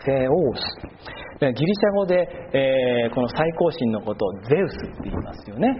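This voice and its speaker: A male pastor giving a sermon, patiently explaining and pausing with long drawn-out fillers between phrases. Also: mid-range voice. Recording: muffled with steady background noise.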